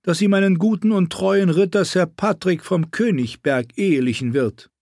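A man's voice: high-pitched, normal speed, darkish tone, dry recording, clean studio sound, voice pushed up. A man voicing a cold, haughty middle-aged queen who speaks in a prim, disdainful way.

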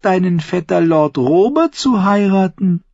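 A vehement, high-pitched noblewoman voiced by a male audiobook reader scolds and schemes with lively, swooping pitch. Her voice is a little husky. The recording is dry and dull. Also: measured pace, no echo, full character voice. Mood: scheming. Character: shrill, imperious aunt, a noblewoman, middle-aged and hateful.

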